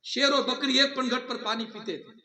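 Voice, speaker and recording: A man from India giving a lively sermon to students, mixing laughing asides with raised, emphatic lines. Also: very high-pitched. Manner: animated preaching with laughing asides, raising his voice for emphasis. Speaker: religious teacher.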